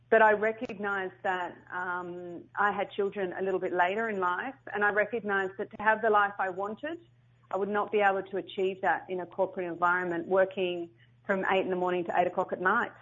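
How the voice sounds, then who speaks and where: A woman's voice: mid-range voice, level tone, brisk, fairly bright tone. A middle-aged woman, a business founder telling her story in an interview. She talks animatedly, often restarts and repeats herself, and acts out the quotes. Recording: slightly dull lo-fi sound.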